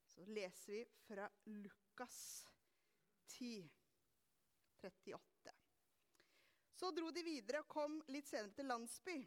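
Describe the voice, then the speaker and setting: A woman preaching a sermon in church, reading scripture and telling a personal story, lively and quick to laugh at herself. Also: high-pitched.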